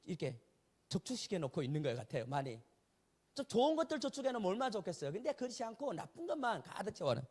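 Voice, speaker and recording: A man's voice: high voice, sing-song, fast, a little mellow, husky. A male pastor delivering a sermon in a conversational way, often asking the congregation rhetorical questions. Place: church sanctuary.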